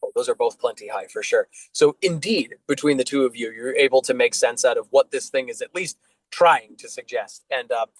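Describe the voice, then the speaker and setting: A man narrating as dungeon master in a tabletop game, relaxed and loose with many fillers. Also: medium pitch, brisk, no echo, rough recording.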